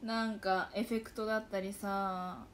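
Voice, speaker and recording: A woman's voice: medium pitch, flat delivery, measured pace, slight background noise. A young woman in her twenties with a Hakata dialect accent, chatting casually and animatedly to viewers on a livestream. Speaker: livestream host. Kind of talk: casual livestream chat reading comments.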